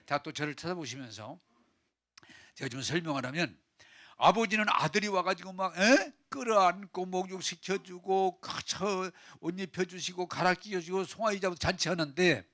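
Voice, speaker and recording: A male pastor giving a sermon in a church, telling the story with animated, dramatic delivery. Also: high-pitched, normal speed. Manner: animated storytelling, acting out the characters.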